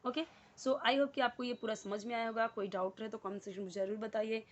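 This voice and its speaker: Woman, English lesson host, fairly high voice, patient step-by-step explaining, repeats words. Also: steady tone, fairly quick, muffled recording. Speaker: English teacher. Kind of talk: casual Hindi English lesson.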